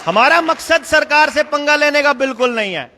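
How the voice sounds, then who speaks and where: A man's voice: very high voice, expressive, moderate pace, bright, forceful tone, big-room sound, some chatter behind. A man giving an emphatic, conversational speech to a political meeting, often laughing between points. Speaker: speaker addressing a political meeting. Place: meeting hall.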